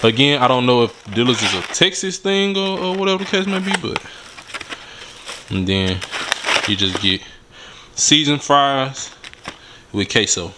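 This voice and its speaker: A man's voice: mid-range voice, sing-song, a little slow, pauses often, roomy sound, noisy background. A young man hosting a casual vlog from a living room sofa, laid-back but hyping up his viewers. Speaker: vlog host.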